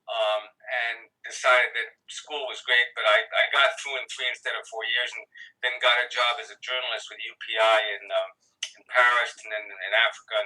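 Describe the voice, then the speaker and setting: A man in his sixties, a guest on a video call, talks casually in a mid-range voice with a bright, forceful tone. He rambles and corrects himself with a wry edge, and the call audio sounds distant.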